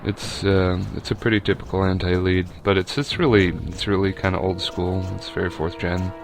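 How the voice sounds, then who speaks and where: A man's voice: deep voice, flat delivery, normal speed, soft background music. A young man giving casual, rambling commentary over a video game battle, with lots of fillers and restarts.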